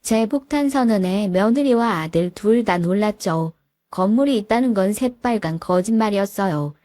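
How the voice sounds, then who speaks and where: A woman telling a scripted first-person family story in an even, confiding way. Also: mid-range voice, normal speed, no room sound. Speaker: narrator.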